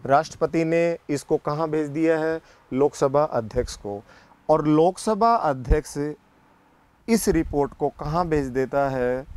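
Male teacher, classroom lecture, slightly high voice, unhurried pace, quizzes students and repeats the answers. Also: darkish tone, clean tone. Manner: asks the class questions and answers them himself, repeats key points; slow, deliberate delivery. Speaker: political science teacher.

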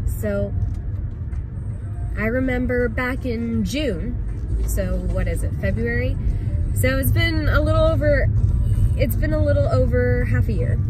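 A woman's voice: mid-range voice, poor audio. A young woman talking casually to the camera from inside a car, rambling with many ums and restarts. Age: young adult. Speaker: angler vlogger. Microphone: phone camera mounted on the dashboard. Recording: car recording with loud music behind.

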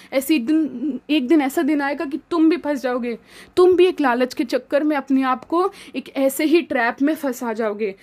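A woman teacher with an Indian accent explaining an English chapter line by line, mixing Hindi and English and asking and answering her own questions. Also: high-pitched.

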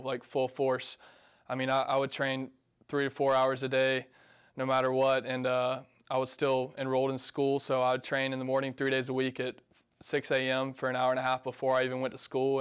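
A man's voice: mid-range voice, clean tone. A man in his early twenties from Georgia with an American accent, giving casual, earnest interview answers in a plain-spoken way. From Georgia, United States. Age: early 20s. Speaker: college tennis player and coach. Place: small office, indoors.

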